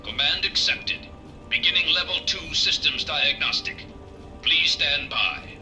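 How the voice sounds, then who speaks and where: Glitching robot medic. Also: male voice, on the high side, measured pace, far from the mic, faint music behind. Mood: clinical. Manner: flat clinical machine announcements. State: glitching, reporting errors. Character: malfunctioning male robot field medic. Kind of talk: video game character dialogue.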